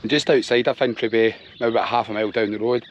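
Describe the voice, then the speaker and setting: A cycling vlogger chats casually through a travel vlog outdoors, on a ferry and along cycling roads, being self-deprecating and slightly out of breath. He talks fast in a lowish voice with fairly even intonation. The audio is dull, and wind noise hits the mic.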